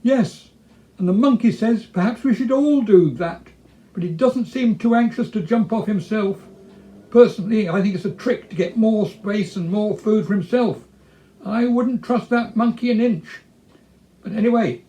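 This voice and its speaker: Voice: medium pitch, normal speed, dark tone, voice pushed up, close to an everyday voice, low-quality recording. A performer voicing an urgent, loyal and suspicious lion in a storybook reading, speaking in a hurry. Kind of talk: storybook character voice.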